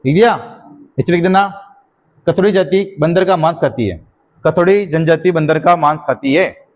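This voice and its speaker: A middle-aged man leads an exam-prep class at a fairly high pitch. He dictates slowly, says each phrase several times, and keeps checking that his students are keeping up. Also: muffled recording. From Rajasthan. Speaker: teacher.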